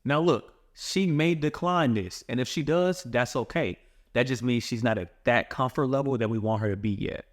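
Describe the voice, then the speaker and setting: A man's voice: medium pitch, normal speed. A man coaching other men on dating in a blunt, slangy monologue, calling the listener "bro". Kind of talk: direct-to-camera advice monologue.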